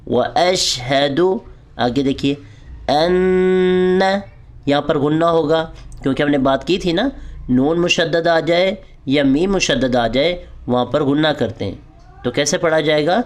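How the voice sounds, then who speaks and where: A man teaching prayer recitation in an online lesson. He explains each point patiently, then recites long, drawn-out model lines for students to repeat. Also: fairly high pitch.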